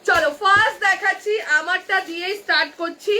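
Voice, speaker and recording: Kolkata Bengali shop seller, woman, live-stream pitch, very high and sharp, phone-mic sound. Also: steady tone, brisk, slight background noise. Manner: chatty, addresses viewers directly, counts off sizes. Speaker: online clothing seller. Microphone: phone camera.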